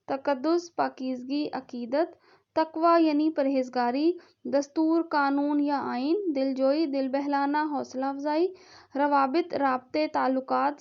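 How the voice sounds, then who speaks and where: Woman tutor from pakistan reading word lists slow, high voice, kinda dull lo-fi sound. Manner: slow, careful word-by-word pronunciation drill. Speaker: online Urdu tutor. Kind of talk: reading vocabulary lists aloud for a class. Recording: dull lo-fi recording.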